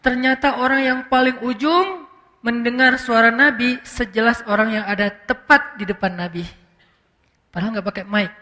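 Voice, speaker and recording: Bright-voiced, relaxed male preacher. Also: very high voice, moderate pace. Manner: relaxed storytelling with slang and frequent "apa" fillers. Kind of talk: casual conversational sermon. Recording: long reverb of a hall.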